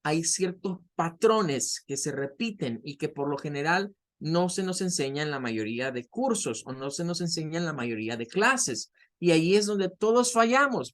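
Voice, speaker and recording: Man teaching an online class. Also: sits high. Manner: explains patiently, models sounds slowly. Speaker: English teacher.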